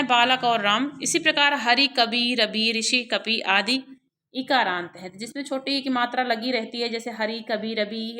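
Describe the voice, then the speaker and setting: A woman's voice: a little high, bright, forceful tone. A woman teaching a Sanskrit grammar lesson, reading it out and spelling syllables one by one with many repeats.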